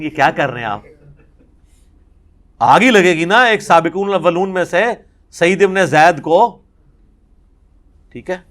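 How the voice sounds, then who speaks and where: Animated man lecturing on religion. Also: fairly high pitch. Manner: animated storytelling, acting out quoted speech. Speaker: religious scholar.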